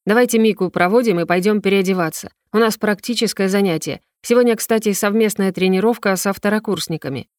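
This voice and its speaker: A woman's voice: mid-range voice, brisk, hardly any pauses, a little mellow, no echo, studio quality, close to an everyday voice. A woman voicing a flustered young prince. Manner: gruff, embarrassed, grumbling.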